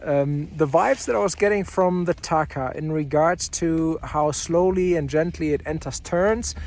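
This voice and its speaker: A man's voice: a little high, unhurried, a little mellow. A man talking off the cuff in a casual gear review vlog outdoors at a ski area, thinking aloud between phrases. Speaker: snowboard reviewer.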